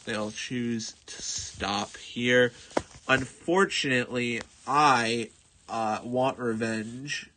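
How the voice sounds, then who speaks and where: A man narrating his strategy game with slow, deliberate pacing and a playful, mock-dramatic flair. His voice sits at an ordinary middle pitch, with a faint hiss underneath. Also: sharp tone, poor audio. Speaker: gaming streamer. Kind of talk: gameplay commentary.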